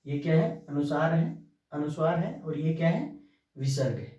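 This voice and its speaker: A man teaching a class, asking his pupils questions and answering them himself in a drawn-out, repetitive way. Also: fairly high pitch, warm tone, highs cut off. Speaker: Hindi teacher. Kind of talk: classroom lesson. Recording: very echoey room, from far off.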